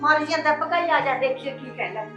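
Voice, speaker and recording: A shrill, scornful stepmother in a village family drama, played by a woman, hurling taunts in a very high, bright, cutting voice. She quarrels sharply and never backs down. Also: brisk, dull audio, faint music behind. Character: scheming greedy stepmother, sharp-tongued and scornful. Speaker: actor in a short film.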